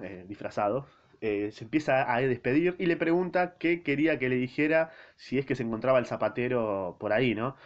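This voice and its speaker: Argentine male podcast host, casual slangy book recap, rambling. Dull lo-fi sound. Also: mid-range voice. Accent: Argentine Spanish. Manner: slangy, rambling, self-interrupting. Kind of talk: casual spoken book summary. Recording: dull lo-fi recording.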